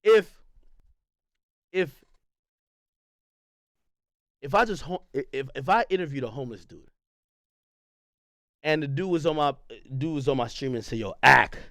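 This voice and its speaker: A young man arguing heatedly in a podcast confrontation, animated and interrupting, repeating himself. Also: a little high, unhurried, pauses often, no room sound. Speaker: streamer confronting a podcast host. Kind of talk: heated argument.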